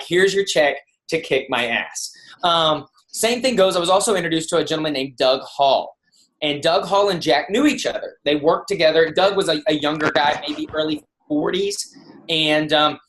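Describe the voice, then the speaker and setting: A man's voice: fairly high pitch, lively intonation, normal speed, fairly bright tone, a little hiss or hum. A man speaking on a kickoff call, telling personal stories to motivate his team. His talk is loose and conversational, with many restarts, and he sometimes acts out the people he is quoting. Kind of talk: motivational storytelling.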